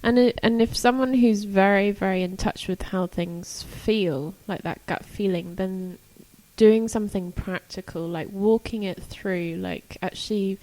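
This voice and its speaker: Relaxed soft-toned lady co-host, chatty n encouraging, explaining stuff casually. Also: mid-range voice, a little slow, rough recording. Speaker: podcast co-host and coach. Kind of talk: casual educational chat.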